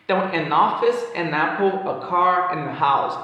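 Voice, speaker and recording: A man from Brazil giving a casual online English lesson, explaining patiently and repeating examples slowly. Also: high voice, bright, forceful tone, lo-fi sound. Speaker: English teacher. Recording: very echoey room, long reverb.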